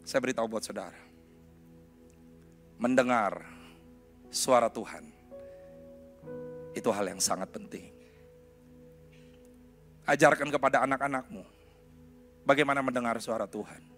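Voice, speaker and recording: A middle-aged man preaching a testimony in animated storytelling style, often turning to his congregation. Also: mid-range voice, measured pace, pauses often, faint music behind. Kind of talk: sermon testimony.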